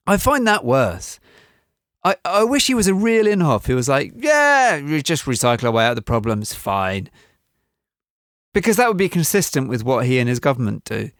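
Male podcast co-host, gravelly, animated delivery with a wry edge. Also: mid-range voice, no room sound, studio quality. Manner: animated, wry and self-mocking. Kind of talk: casual podcast chat.

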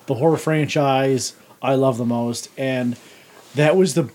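A man's voice: medium pitch, steady tone, measured pace, darkish tone. A man with a nasal voice, giving blunt opinions as a guest on a casual podcast.

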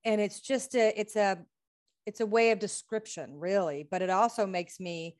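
A woman's voice: medium pitch, fairly even intonation, moderate pace. A woman from the United States, a healing practitioner and author, speaking earnestly as an interview guest, running through lists of questions and laughing often. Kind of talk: conversational interview.

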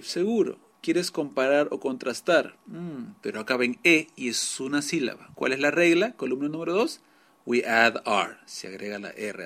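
Slow, patient male English teacher. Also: mid-range voice, a bit bright. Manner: patient, repeats each rule in two languages. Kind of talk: explaining grammar lesson.

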